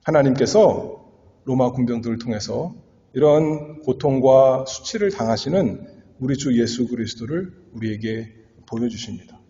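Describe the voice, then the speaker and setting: A man's voice: medium pitch, expressive, normal speed, dark tone, a little hiss or hum. A male pastor delivering an earnest expository sermon, swelling and dropping for emphasis. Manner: earnest, dramatic swells and drops. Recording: echoey hall, dull lo-fi sound.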